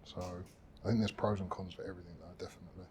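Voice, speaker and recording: Low-voiced British man in his thirties. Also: fairly even intonation, racing, crowd noise. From United Kingdom. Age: 30s. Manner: hesitant, restarts with fillers. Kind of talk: casual podcast chat.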